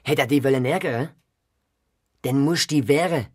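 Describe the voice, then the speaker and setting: A reader with a Swiss German accent voicing a stern, gruff old grandfather in a children's audio story, speaking slower and lower than the narration. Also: darkish tone, no room sound, studio quality, close to an everyday voice.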